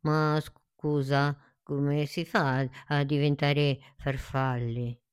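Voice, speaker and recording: A woman voicing a calm, soft male caterpillar who talks in a slow, drowsy, hesitant way. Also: fairly low pitch, clear, resonant tone. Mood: sleepy.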